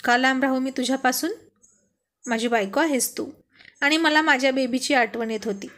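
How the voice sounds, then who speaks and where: A woman's voice: high-pitched, normal speed, a bit bright. Woman doing teasing, stubborn young husband. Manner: coaxing, teasing, firm.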